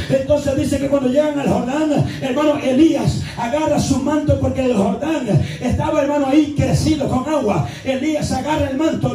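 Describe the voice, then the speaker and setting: High-pitched preaching man in an echoey hall. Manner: impassioned preaching, swinging from soft to shouting, addressing listeners as brothers. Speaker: pastor. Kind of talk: sermon. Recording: echoey room from a distance with music. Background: music.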